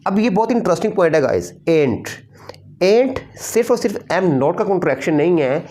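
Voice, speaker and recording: A man's voice: high voice, very animated, normal speed, dark tone. A man teaching an English grammar lesson, explaining patiently and repeating key points.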